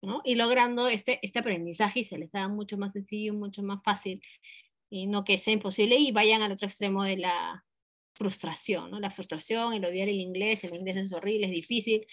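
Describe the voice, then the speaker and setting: A woman teaching a webinar for teachers on a video call, talking conversationally with many tag questions and fillers, and clearing her throat often. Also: medium pitch, fairly even intonation, normal speed, fairly bright tone. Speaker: English teacher leading a webinar. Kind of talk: live online teacher talk.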